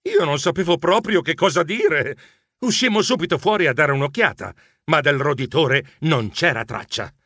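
A man narrating a children's story in an animated, playful way. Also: a little high, normal speed, no echo, studio quality. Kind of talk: audiobook narration.

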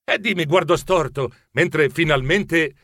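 A man narrating a children's storybook in the first person, with animated, exclamatory delivery. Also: fairly high pitch, measured pace, dry recording, studio quality. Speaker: audiobook narrator.

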